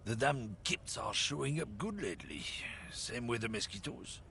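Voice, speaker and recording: A man's voice: mid-range voice, expressive, creaky, sharp tone, a little hiss or hum. An actor playing a scornful, bigoted middle-aged man who lectures on racial superiority with a heavy, vaguely continental accent. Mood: lecturing. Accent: heavy continental European-sounding accent. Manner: sneering, lecturing, drawn-out swoops.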